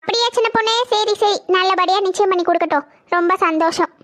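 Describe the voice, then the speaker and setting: A chatty village auntie in a cartoon, fussy and excitable, repeating her words. The voice is extremely high and squeaky, like a sped-up cartoon voice. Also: quick pace, no room sound, clean studio sound.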